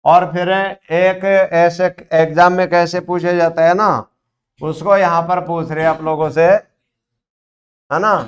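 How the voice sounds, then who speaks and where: High voiced guy teaching class, slow, keeps asking the kids questions. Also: flat delivery. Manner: questioning students, repetitive prompts. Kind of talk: classroom grammar lesson.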